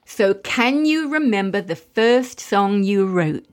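A woman's voice: medium pitch, lively intonation, takes it slowly. A woman playing a polite, prim interviewer in a scripted comic mock interview. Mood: inquisitive. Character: polite, prim female interviewer, easily flustered.

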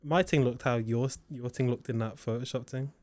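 A man's voice: medium pitch, fairly even intonation, fairly quick, darkish tone. A man in his twenties with an urban London roadman accent, bantering casually in street slang as a co-host. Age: 20s. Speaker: co-host of a chat show.

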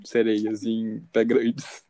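A man's voice: lowish voice, completely flat delivery, drawn-out words, mellow, no echo. A young Brazilian man with a Brazilian Portuguese accent, co-hosting a podcast in casual, jokey chat and laughing often. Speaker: podcast co-host.

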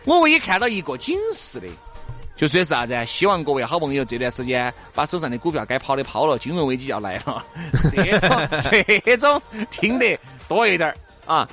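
A woman's voice: deep voice, sing-song, fairly quick, fairly bright tone, soft background music. A woman with a Sichuan accent, co-hosting a show in casual, teasing, playful banter. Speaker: co-host.

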